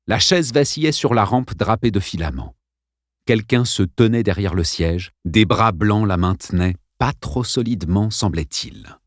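Male audiobook narrator: low voice, lively inflection, dramatic suspense reading, dry close mic. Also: a little slow, no echo.

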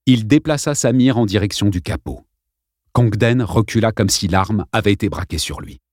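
A man reading a novel aloud as an expressive audiobook narrator. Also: lowish voice, moderate pace, no echo, clean studio sound. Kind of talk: scripted narration.

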